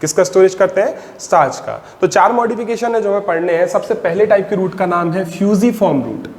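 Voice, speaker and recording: A man teaching biology in a mix of Hindi and English, asking the class short questions and answering them himself, and slowing down to dictate definitions. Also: sits high, darkish tone. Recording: long reverb, faint background noise.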